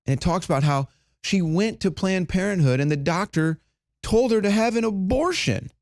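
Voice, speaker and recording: A man delivering opinionated news commentary, indignant and sarcastic, rising to loud emphatic peaks. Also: high voice, animated, normal speed, no room sound, studio quality.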